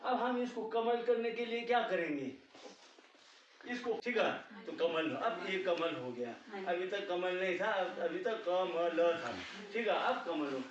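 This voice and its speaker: A man's voice: high voice, animated, a little slow. Male language teacher, patient classroom delivery, dull distant recording. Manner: patient, repeats "ठीक है" often, checks understanding. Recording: echoey room, distant mic, dull sound.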